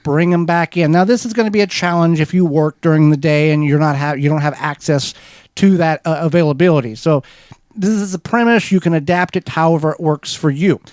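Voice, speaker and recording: Brief: male radio co-host, slightly high voice, dry studio sound, patient how-to explainer. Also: fairly quick, smooth, no room sound. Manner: steady, methodical how-to explaining with small restarts. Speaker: co-host of a gardening radio show.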